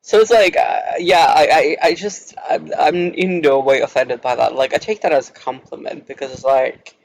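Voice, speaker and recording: Giggly young man with a gravelly voice. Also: on the high side, normal speed, no echo, rough recording. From Norway. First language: Norwegian. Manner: giggly, rambling, heavy on filler words. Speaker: vlogger. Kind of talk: casual storytime monologue.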